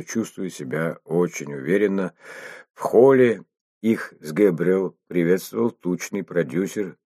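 Man reading a novel aloud, lowish voice, dead dry close recording. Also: no echo. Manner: steady, measured reading. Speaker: audiobook narrator. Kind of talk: scripted narration.

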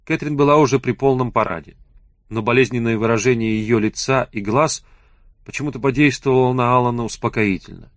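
A man narrating an audiobook in a measured, even storytelling manner. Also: mid-range voice, no echo, studio quality.

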